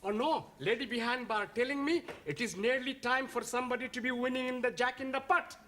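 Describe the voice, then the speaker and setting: A fretful, excitable student gambler in a studio sitcom, talking in broken English and yelping about his luck. His voice sits very high and sounds bright and sharp. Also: a little fast. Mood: fretting. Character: anxious male student gambler. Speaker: adult student at a pub. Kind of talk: 1970s studio sitcom acting.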